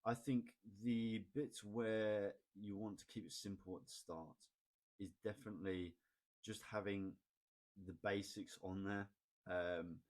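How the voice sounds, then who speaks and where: A man explaining ad data in a casual, chatty screen-recorded tutorial, often asking "right?" and pausing on "um". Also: sits low. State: has the hiccups. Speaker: online marketing tutor.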